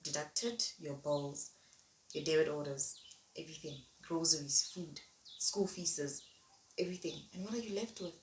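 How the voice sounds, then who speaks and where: A woman's voice: low voice, normal speed, recorded from a distance. A young woman speaks emphatically in a motivational monologue, leaning on repetition to drive her points home. She sounds set back from the mic in an echoey room, with a faint hiss of noise underneath. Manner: emphatic, repeats key phrases. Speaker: vlogger.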